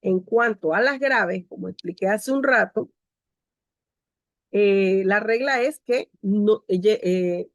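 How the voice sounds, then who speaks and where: A woman's voice: medium pitch, dry recording, clean studio sound. A woman teacher giving a grammar lecture over a video call. She explains step by step and cues each slide aloud. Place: home.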